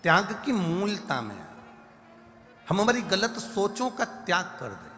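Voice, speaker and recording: A man's voice: high voice, very animated, bright, forceful tone. A man giving a devotional sermon at a large religious gathering, preaching in repeated lists and rhythmic phrases. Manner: sings verses slowly, then preaches in repeated lists. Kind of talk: devotional sermon with sung bhajan lines. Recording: live broadcast with long reverb and faint music.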